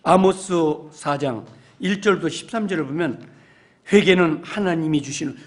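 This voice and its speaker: High-voiced man preaching a lively sermon. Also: normal speed. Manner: animated storytelling, swelling into emphatic exhortation. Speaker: pastor. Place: church sanctuary.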